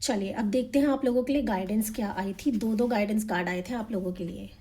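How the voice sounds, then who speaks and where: A young woman reads tarot cards for her viewers. Her voice is mellow and warm, at a middle pitch. She talks quickly and energetically, mixing in English words. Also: slightly rough. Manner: fast, energetic talk mixing Hindi and English. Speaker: tarot reader. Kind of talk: monthly tarot reading to camera.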